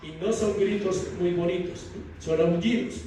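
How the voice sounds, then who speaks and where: Pastor, male, high and mellow voice, preaching with rhetorical questions; echoey church recorded from afar. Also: fairly even intonation, a little hiss or hum. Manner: rhetorical questions to the congregation, dramatic pauses. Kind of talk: sermon. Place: church hall. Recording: echoey church room from far off.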